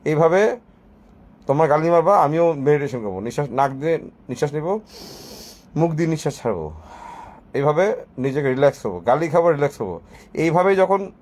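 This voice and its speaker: A man with a somewhat high voice rambles through his live stream. He talks in a mocking, sarcastic way and slips English phrases into his speech. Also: darkish tone. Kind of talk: casual live-stream monologue.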